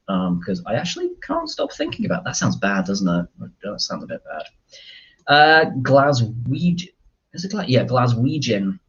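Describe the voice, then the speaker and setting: A man chats casually through a live stream as a gin reviewer, rambling and hesitant, with plenty of fillers and the occasional swear word. His voice sits on the low side with a slightly husky edge. The recording sounds dull and lo-fi. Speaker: gin reviewer, channel host.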